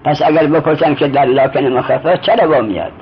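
In a muffled, lo-fi recording with a little hiss or hum, a fairly high-pitched man teaches a traditional Arabic grammar lesson. He explains step by step and quizzes his student along the way.

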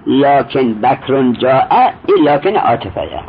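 Male teacher, deliberate explaining, quizzes the student, muffled lo-fi recording, faint background hiss. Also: mid-range voice, very animated. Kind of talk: traditional Arabic grammar lesson.

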